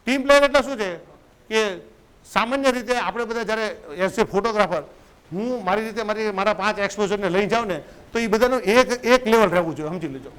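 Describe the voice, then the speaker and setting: A man's voice: sits high, a little fast, a bit bright, clean tone, poor audio. A man, giving a business coach's lecture and often asking his listeners "right?". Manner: conversational, keeps asking "right?" to check in.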